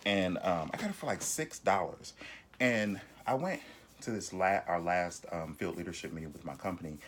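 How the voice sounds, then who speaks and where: A man's voice: sits low, expressive, moderate pace, a bit bright. A man chatting casually through a haul video at home, rambling with many ums and restarts. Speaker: vlogger. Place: home bedroom.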